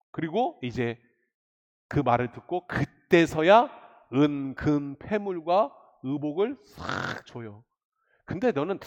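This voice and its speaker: A male pastor preaching a midweek sermon, animated and constantly questioning his congregation. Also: on the high side. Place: church sanctuary. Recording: echoey church hall.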